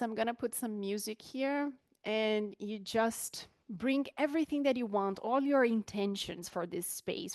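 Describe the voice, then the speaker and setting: A woman hosting an online welcome session, chatting in a relaxed way with fillers and small laughs over a video call. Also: mid-range voice, dry recording, clean studio sound. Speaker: online event host. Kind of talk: friendly facilitation on a video call.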